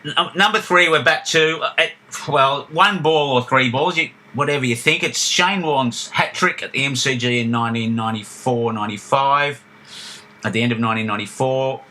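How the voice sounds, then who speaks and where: A man's voice: medium pitch, moderate pace, bright, forceful tone. A man, co-hosting a casual podcast and telling stories with many restarts. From Australia. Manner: reminiscing, storytelling with frequent restarts. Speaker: podcast co-host. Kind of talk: casual chat.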